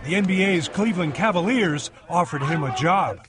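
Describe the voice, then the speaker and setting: A male TV news reporter with a fairly high, lively voice that swoops up and down. He narrates a scripted report in a crisp, punchy storytelling manner. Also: moderate pace, a crowd in the background.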